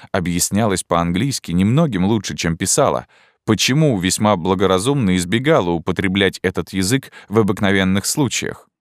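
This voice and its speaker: A man reading a story aloud with expressive, theatrical narration. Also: sits low, no room sound, studio quality. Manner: theatrical, exclamatory delivery. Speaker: audiobook reader.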